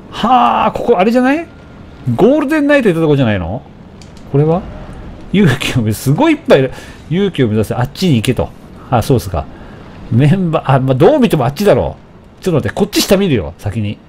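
A man giving casual, animated commentary while playing a game, often taunting enemies and shouting at the screen. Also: medium pitch, slight background noise. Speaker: let's play commentator.

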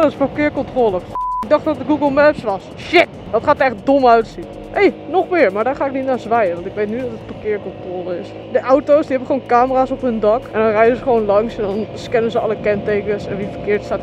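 A woman motovlogging while riding through city traffic, chatty and excitable, talking to her viewers. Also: a little high, a little fast. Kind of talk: casual chat while riding. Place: outdoors in city traffic on a scooter. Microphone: helmet mic. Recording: dull lo-fi helmet audio with music. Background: music.

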